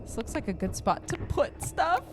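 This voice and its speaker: A woman's voice: high-pitched, sing-song, normal speed, noisy background. A woman doing casual, playful video game commentary, reacting expressively and reading game text aloud. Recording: loud game music behind the voice.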